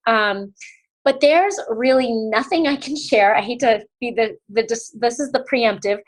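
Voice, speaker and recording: A woman's voice: a little high, rough recording. A woman in her forties from the United States, a guest speaker on a sales team call, talking in a bubbly, effusive way with many fillers. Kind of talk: casual motivational talk. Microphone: call audio.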